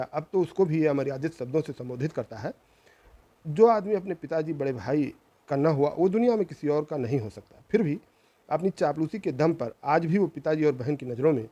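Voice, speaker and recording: A man's voice: on the high side, dark tone. A middle-aged man, host of his channel, earnestly telling a true family story in a reproachful, moralizing way, repeating phrases for emphasis.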